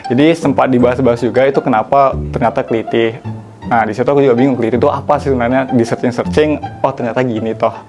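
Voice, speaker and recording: Pria muda bicara cepat dan santai. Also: male voice, mid-range voice, steady tone, quick pace, music in the background. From Riau, Indonesia. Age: 20s. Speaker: university student. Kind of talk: casual interview answers.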